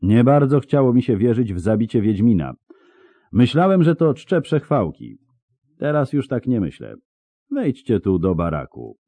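A man's voice: medium pitch, sing-song, normal speed, mellow, dry recording, voice pushed up. A man voicing a tall, sly male half-elf who speaks in a suave, condescending way in an audiobook.

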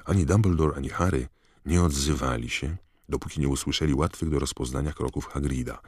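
A male audiobook narrator with a very deep voice, telling the story steadily and evenly. The recording is close and dry, with no room around it. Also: a little fast, a little mellow, no echo.

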